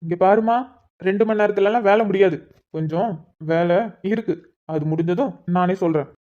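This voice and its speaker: A young man on the way to the police force, teasing and tender with his girl, voiced by a woman. His talk is coaxing and playful, at an ordinary middle pitch. The cartoon audio is dull and lo-fi. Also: moderate pace, warm tone, lightly acted. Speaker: male lead in a cartoon love story. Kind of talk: cartoon voice acting.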